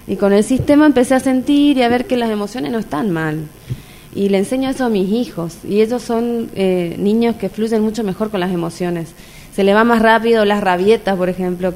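A woman's voice: mid-range voice, darkish tone, a little hiss or hum. A woman with an Argentine accent, a mother sharing her personal experience in an open, earnest conversational way. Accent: Argentine Spanish.

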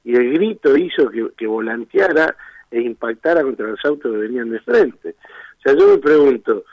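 A man's voice: medium pitch, animated, normal speed, dry recording, highs cut off. A man with an Argentine Spanish accent, a defense lawyer arguing his case insistently in a radio interview, firing off rhetorical questions.

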